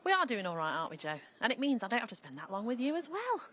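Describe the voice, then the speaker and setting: A woman's voice: a little high, sing-song, rapid-fire, a bit bright. A woman presenting a live sports show with casual, jokey banter and a readiness to laugh.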